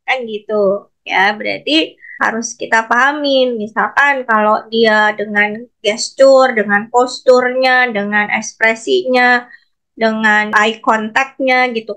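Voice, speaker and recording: A woman's voice: on the high side, fairly even intonation, slow, bright, forceful tone. A woman lecturer teaching an online class, patiently explaining and calling on students by name. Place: online video call.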